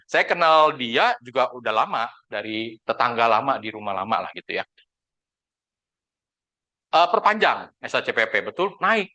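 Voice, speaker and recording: A man, an insurance agent telling his team a story in a casual, animated way and acting out the dialogue. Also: mid-range voice, moderate pace, muffled recording. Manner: animated, acts out dialogue in quoted voices.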